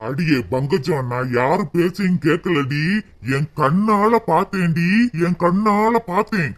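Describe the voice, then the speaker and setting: Angry cartoon father, voiced by a man, slow scolding drawl, southern Tamil accent, fairly high voice. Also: close to an everyday voice. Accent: southern Tamil, Tirunelveli. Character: stern angry middle-aged father, scolding.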